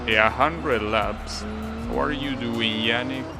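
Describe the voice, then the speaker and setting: Over loud background music, a man with an Argentine accent chats casually with his live-stream audience about the racing game he's playing. His medium-pitched voice moves at a slow pace, relaxed and musing.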